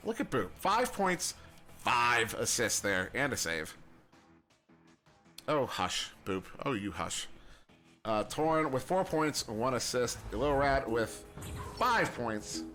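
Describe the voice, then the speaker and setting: A man's voice: medium pitch, sharp tone. A young American man doing casual play-by-play commentary on an esports match, rambling and self-deprecating, often chuckling. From United States. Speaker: esports caster.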